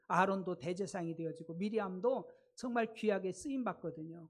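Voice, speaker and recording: Korean pastor guy preaching in church, kinda gravelly, chatty storytelling w lots of questions. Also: high voice, a little mellow. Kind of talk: sermon. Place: church sanctuary.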